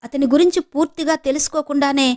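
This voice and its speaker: A woman's voice: sits high, fairly even intonation, fast talker, pitched above the performer's own voice, close to an everyday voice. A woman voicing an unmarried elder sister who is a doctor, questioning firmly and speaking heavily, in a storybook reading. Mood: probing. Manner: firm questioning, then soft and heavy.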